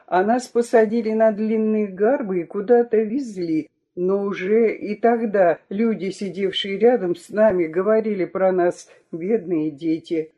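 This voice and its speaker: A man reading letters aloud on a broadcast with a measured, steady delivery. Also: high voice.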